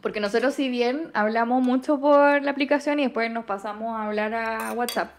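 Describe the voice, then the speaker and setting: A young Chilean woman telling a dating story in casual chat, animated and full of slang. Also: on the high side, fairly quick. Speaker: podcast guest.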